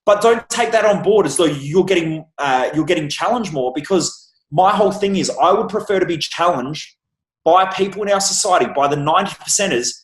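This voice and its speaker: A man's voice: sits high, animated, brisk, fairly bright tone. Blunt swearing man, echoey room. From Australia. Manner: blunt, emphatic, swears freely. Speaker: guest, success coach. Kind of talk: casual podcast interview. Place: room with a bookshelf.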